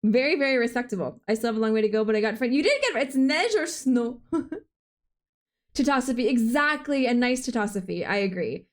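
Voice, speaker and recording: Playful young woman streamer, slightly high. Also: expressive. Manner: chatty, playful, quick-talking. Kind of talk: casual live-stream chat, reading chat aloud.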